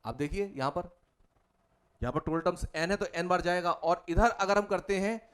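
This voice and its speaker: Man, maths tutor, fairly high voice, step-by-step board working. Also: moderate pace, a bit bright, smooth. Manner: talks students step by step through working out each problem. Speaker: mathematics tutor. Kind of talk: whiteboard problem-solving lecture.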